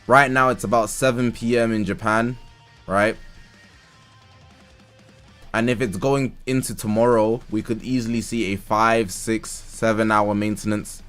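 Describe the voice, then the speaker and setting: A man's voice: fairly low pitch, fairly even intonation, unhurried, fairly bright tone, soft background music. A man live-streaming, talking casually, reading game update notes aloud and reacting, a little tired. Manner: chatty, reads patch notes aloud and reacts. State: tired, yawning. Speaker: livestreamer.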